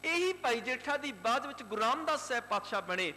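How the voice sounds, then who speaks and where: A Sikh preacher from Punjab, India, telling a religious story in a fervent, rhythmic, emphatic way. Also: male voice, extremely high pitch, expressive, fast talker, pushed and bright. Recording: hall reverb, faint hum.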